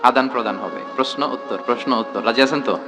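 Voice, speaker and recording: A man's voice: mid-range voice, fast, over music. A man preaching a sermon to a large gathering in a tent, throwing rhetorical questions at the crowd and calling for responses.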